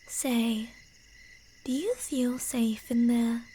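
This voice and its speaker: A husky, warm woman's voice on the high side draws out its words in a steady tone. It belongs to a creepy, teasing, delusional yandere stalker in an ASMR horror roleplay, who narrates her prey's path with playful menace that turns to whispers.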